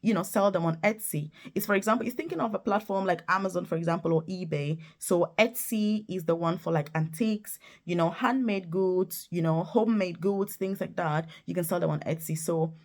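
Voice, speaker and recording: A woman hosting an online video, speaking to viewers in a promotional vlog style with an upbeat, recruiter-like sales pitch that leans on key words. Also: fairly quick, hardly any pauses. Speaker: online video host promoting remote jobs. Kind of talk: promotional direct-to-camera vlog.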